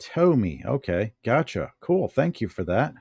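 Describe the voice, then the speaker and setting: A middle-aged American man wanders through a laid-back show-and-tell vlog at home, quietly talking to himself as he handles his things. He has a fairly low, slightly mellow voice, and the studio-quality audio has no room sound.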